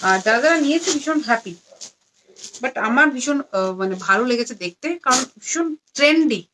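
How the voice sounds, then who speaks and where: A tired, low-energy woman selling saris on a live stream, repeating every price again and again. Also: background noise. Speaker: online saree seller. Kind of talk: live-stream sales pitch. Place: indoors among stacks of saris.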